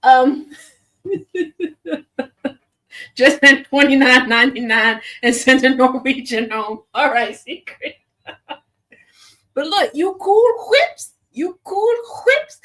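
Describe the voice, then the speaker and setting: A woman talking through the day's news as a casual commentary host. Her voice sits high and swoops up and down as she drawls her words unhurriedly. She is sassy and laughs often. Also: expressive, takes it slowly, pauses often, a bit bright.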